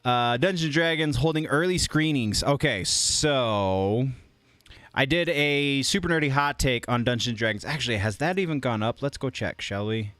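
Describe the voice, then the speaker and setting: A man's voice: medium pitch, expressive, normal speed, a bit bright, no room sound. A man hosting a casual pop culture news livestream, rambling, correcting himself and chuckling as he reads headlines. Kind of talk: casual live news commentary.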